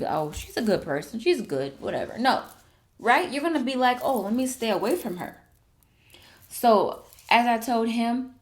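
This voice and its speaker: Young pregnant woman, personal vlog, heartfelt and emotional delivery. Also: mid-range voice. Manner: heartfelt, repeats "you guys" and "literally". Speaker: vlogger.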